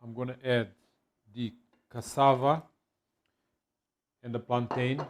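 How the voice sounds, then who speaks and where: Relaxed man talking through a recipe. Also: medium pitch. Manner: relaxed, halting, with many fillers. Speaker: home cook. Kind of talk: casual cooking demonstration.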